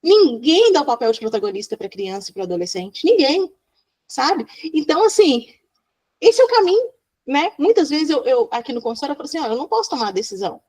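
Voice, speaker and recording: A middle-aged woman talks in a fairly high voice. She is a child psychologist who tells her stories with lots of energy, acting out each voice she quotes, and she laughs often. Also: very animated, quick pace, darkish tone. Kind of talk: animated storytelling in a podcast interview.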